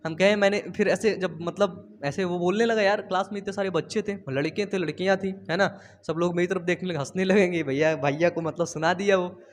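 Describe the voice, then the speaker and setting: A man's voice: high-pitched, steady tone, brisk, a little hiss or hum. A young man teaching a biology lesson in a casual, chatty way, teasing his students and telling them to write along. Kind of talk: casual classroom lecture. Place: home studio.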